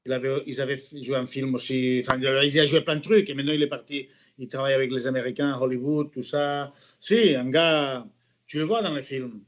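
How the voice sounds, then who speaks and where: A man who is an actor and interview guest, telling anecdotes in a lively way, with many restarts and bits of English mixed in. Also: medium pitch, brisk, muffled recording. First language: Catalan. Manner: animated storyteller, many restarts, mixes in English phrases.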